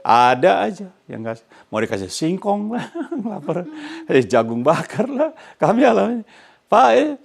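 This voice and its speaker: An older man preaching a lively sermon as a pastor, animated and often chuckling, dropping English phrases into his talk. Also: high voice, normal speed, vocal fry.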